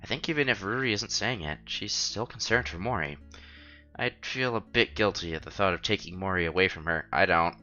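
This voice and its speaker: A man with a low-sitting voice reads a visual novel on stream at a brisk clip, mixing the narration with casual asides. He sounds bright, forceful, and playful. The audio is a little muffled and lo-fi, with music in the background.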